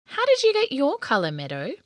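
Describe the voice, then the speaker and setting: A woman voicing a cheerful, curious young girl in a storybook, speaking brightly and eagerly. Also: sits high, huge pitch swings, a little fast, dry recording, clean studio sound, pitched above the performer's own voice.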